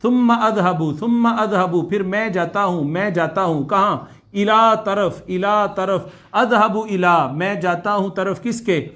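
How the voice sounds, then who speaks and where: Guy teaching arabic, high voice, says each word slow and again and again. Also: a bit bright. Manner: slow, repeats Arabic words many times for drilling; explains in Urdu, asks students to repeat aloud. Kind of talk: online class lecture.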